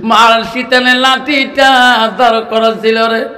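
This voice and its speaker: A man's voice: very high-pitched, level tone, takes it slowly, bright, forceful tone, big-room sound, soft background music. A male preacher telling a sermon story in a half-sung, tearful chant and acting out each figure in it.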